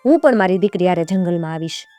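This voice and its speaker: A woman's voice: lowish voice, expressive, quick pace, dark tone, no room sound, soft background music, close to an everyday voice. A woman voicing a devoted elderly servant woman, frail but determined, in a folk tale. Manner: pleading, calling out.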